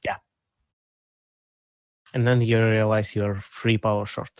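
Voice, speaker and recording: A man's voice: fairly low pitch, little pitch movement, slow, clean tone, no room sound. A man co-hosting a casual card game podcast, explaining in a plain, matter-of-fact way. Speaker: co-host.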